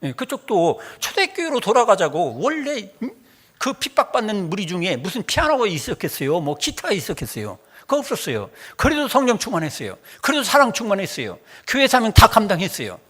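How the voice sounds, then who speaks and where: Lively, high-pitched male pastor preaching. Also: fairly quick, slightly rough. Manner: animated, humorous storytelling with acted dialect quotes. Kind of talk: sermon.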